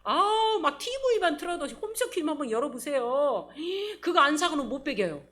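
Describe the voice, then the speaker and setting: A woman's voice: high voice, normal speed, a little hiss or hum. A middle-aged woman pastor preaching a sermon, laughing often and acting out little quotes. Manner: animated, laughing, acts out quotes.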